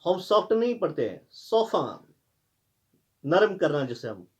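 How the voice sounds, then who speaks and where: Very animated and speaking a little fast, this man has a fairly high-pitched voice. As an English teacher, he runs a classroom pronunciation lesson in Hindi, spelling out words letter by letter and fixing common errors.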